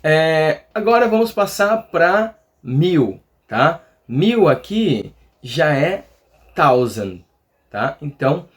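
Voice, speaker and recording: A man's voice: fairly high pitch, sing-song, slow pace. Chatty Brazilian man teaching. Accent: Brazilian Portuguese. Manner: chatty, checks in often with "tá?" and "legal?". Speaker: English teacher. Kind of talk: casual explanatory lesson.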